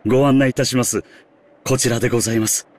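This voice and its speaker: A very polite, formal butler, voiced by an actor who speaks very quickly. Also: male voice, medium pitch, steady tone, natural voice.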